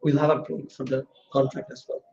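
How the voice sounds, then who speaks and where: A man's voice: mid-range voice, little pitch movement, brisk, gravelly, mellow. A man teaching a law class in a classroom, explaining step by step and questioning his students. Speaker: law tutor. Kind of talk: classroom lecture. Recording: roomy, dull lo-fi classroom audio.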